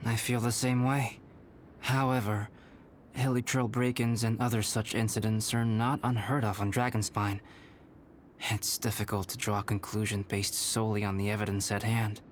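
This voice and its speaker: A man voicing a calm, composed young male alchemist and painter who explains things in a measured way, in a video game cutscene. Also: lowish voice, a little hiss or hum, natural voice. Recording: game cutscene with background music.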